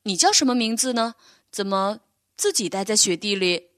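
A woman's voice: medium pitch, lively intonation, normal speed, a bit bright, no room sound, clean studio sound, close to an everyday voice. A woman voicing a friendly, brave little male polar bear cub who talks eagerly and reassuringly in a bedtime storybook.

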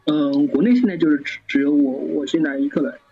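A man's voice: on the high side, creaky. A man who is a guest on an interview podcast, talking casually with frequent stammered restarts. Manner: halting, many stammered restarts. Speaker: guest, fan site founder. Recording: dull lo-fi sound.

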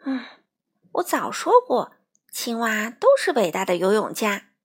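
A woman's voice: on the high side, very animated, measured pace, slightly rough, exaggerated voice. A woman voicing a patient mother frog who coaxes and chants in a sing-song way. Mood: calling patiently. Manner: coaxing, sing-song counting.

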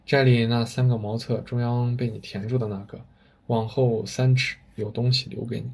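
A man voicing a one-eyed bandit chief who rants and shouts hysterically, with a husky voice. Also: mid-range voice, level tone, moderate pace. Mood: dying. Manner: ranting, hysterical shouts fading to weak gasps.

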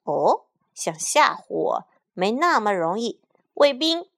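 A woman's voice: mid-range voice, sing-song, slow pace, vocal fry, a bit bright, exaggerated voice. A woman playing a pompous, greedy male mayor who drawls smugly and throws in English words. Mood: sly. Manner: boastful, smug drawl, mixing in English.

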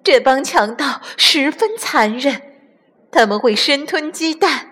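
A wise, calm mother hen, voiced by a woman explains and reassures the flock in a storybook. She speaks slowly, with a slightly husky, lively voice. A long reverb hangs on her words. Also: a little high, pitched above the performer's own voice, exaggerated voice.

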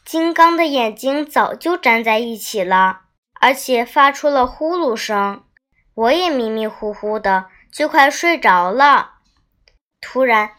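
A young girl hosting a storytelling show, reading a children's diary story aloud in an expressive, dramatic way. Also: on the high side.

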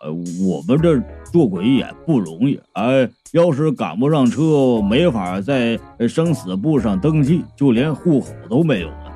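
A man's voice: medium pitch, dark tone, pitched below the performer's own voice, natural voice. A man voicing a pot-bellied middle-aged male ghost who coaxes and wheedles with a chummy, stammering manner, in a storytelling audiobook. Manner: coaxing, chummy, hesitant stammer.

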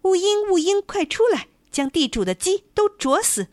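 A woman voicing a brave, determined male rooster with a high, bright crowing voice in a storybook tale. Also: very animated, moderate pace, no echo.

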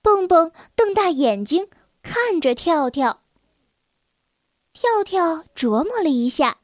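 A woman narrating a children's storybook in a gentle, unhurried manner. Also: very high-pitched, sing-song, no room sound, studio quality.

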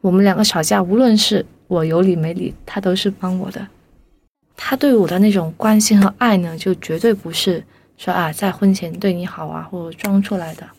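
A young woman telling a personal story as a podcast guest, lively and animated, briefly voicing the people she quotes. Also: fairly low pitch, fairly quick, breathy edge.

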